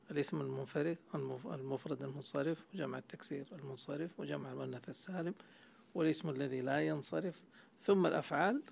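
Gravelly male grammar teacher lecturing. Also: a little high. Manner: explains step by step, quizzing students. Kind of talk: classroom lecture.

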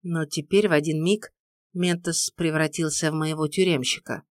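A woman reading a first-person audiobook in an even, measured storytelling manner. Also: deep voice, dry recording, studio quality. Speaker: audiobook narrator.

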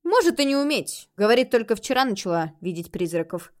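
A woman voicing a loud, bossy middle-aged tavern woman who exclaims everything. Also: a little high, sing-song, brisk. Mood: matter-of-fact.

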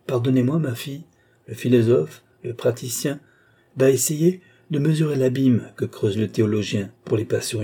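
A man reading aloud voices a calm older doctor who explains things in a measured, lecturing way. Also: husky, natural voice. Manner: calm, didactic, lowered voice. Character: measured elderly male doctor, calm and reasoning.

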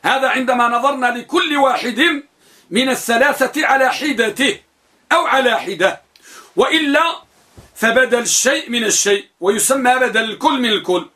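A man's voice: very high voice, moderate pace, pushed and bright. A man teaching Arabic grammar, explaining step by step and posing questions he then answers himself. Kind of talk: classroom grammar lesson.

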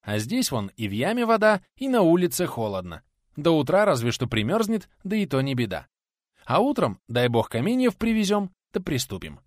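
A man voicing an older retired teacher, a blunt, hot-tempered man who shouts back at challenges in a lively, animated voice. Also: a little high, moderate pace, no echo, studio quality, pitched above the performer's own voice. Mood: explaining.

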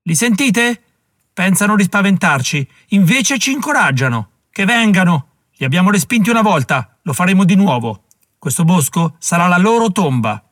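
A man's voice: high-pitched, very animated, normal speed, no echo, studio quality, voice pushed up, full character voice. A man voicing a wounded general barking orders. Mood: rallying. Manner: shouting orders through pain. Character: wounded militia general, stubborn and commanding.

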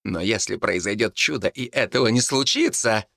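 A man's voice: lowish voice, moderate pace, gravelly, sharp tone, no echo, clean studio sound, exaggerated voice. A man voicing a scheming, ranting male monk who shrieks threats and then turns sugary.

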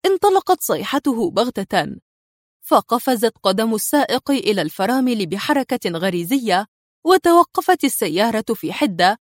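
A woman narrating a thriller audiobook in a dramatic, expressive reading style. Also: fairly high pitch, moderate pace, no room sound, clean studio sound.

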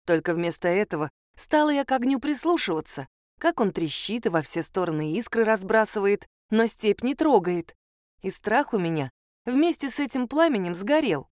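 A woman narrating a first-person fantasy story in a calm, measured manner. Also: medium pitch, dry recording, studio quality. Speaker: audiobook narrator.

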